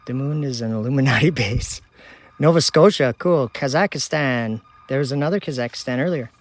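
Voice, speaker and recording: A man hosting a relaxed livestream, reading comment after comment aloud in an easygoing, chatty way. His voice sits in an ordinary middle pitch. He is talking outdoors at night beside a telescope. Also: moderate pace. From Minnesota, United States. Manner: relaxed, reads viewer locations aloud in a chatty running list. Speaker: livestream host.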